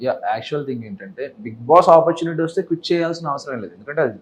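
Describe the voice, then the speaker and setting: Young man, quick talker, higher-pitched, earnest, casual interview. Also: lively intonation, rough recording. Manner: mixes English into his talk, earnest. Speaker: interview guest.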